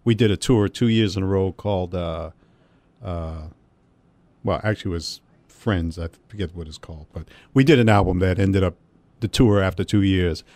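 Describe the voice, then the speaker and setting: A man appearing as a guest musician on a radio show, answering in a relaxed, soft-spoken way that trails off quietly. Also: deep voice, moderate pace, no echo. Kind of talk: casual radio interview. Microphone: studio microphone.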